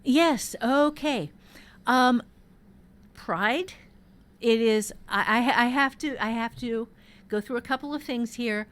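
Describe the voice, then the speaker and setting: A woman with a fairly high, slow, slightly bright voice that's clear and resonant hosts a podcast workshop. Her talk is casual and candid, mixing emphatic personal storytelling with plenty of swearing.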